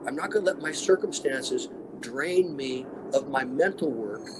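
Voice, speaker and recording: A man's voice: medium pitch, expressive, unhurried, noisy background. Emphatic older man in his sixties. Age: 60s. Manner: emphatic short punchy declarations. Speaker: interview guest, extreme athlete. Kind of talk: motivational storytelling.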